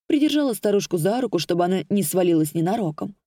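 A woman's voice: medium pitch, expressive, fast talker, warm tone, no room sound, studio quality. A woman narrating an audiobook in the first person, in a wry, conversational way.

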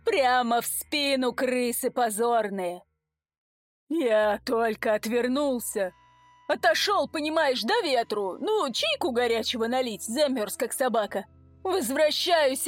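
Woman playing a bellowing ex-con businessman, tearful, prison slang, raised pitch, slow loud delivery. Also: animated, no room sound, faint music behind. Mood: sobbing. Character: burly sobbing businessman, ex-convict gamer, man.

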